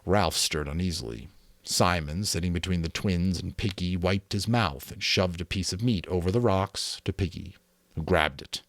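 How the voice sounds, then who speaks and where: This man narrates a novel as a dramatic audiobook in a low voice at a moderate pace, recorded without echo. His reading is expressive, and he then drifts into casual chat with viewers, full of rambling asides and fillers; he both narrates and hosts the channel.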